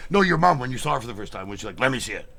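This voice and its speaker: A man co-hosting a podcast with crude banter and frequent laughter, firing quick questions. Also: medium pitch, sing-song, gravelly, bright, forceful tone. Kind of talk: casual chat. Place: podcast studio.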